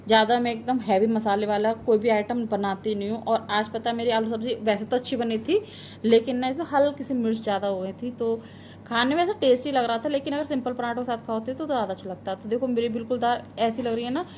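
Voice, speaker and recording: A chatty woman in her thirties narrates her family vlog in a high, bright voice. She sounds homely and gives friendly advice, and her talk turns to heartfelt reflection. A faint hum of home noise sits under her. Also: quick pace. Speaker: family vlogger, mother. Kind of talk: casual vlog voice-over.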